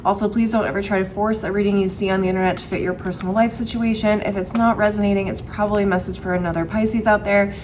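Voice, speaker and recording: Casting: young female tarot host, casual and conversational, thinks aloud, medium pitch, noticeable background noise. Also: fairly even intonation, fast, few pauses. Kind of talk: casual tarot reading to camera.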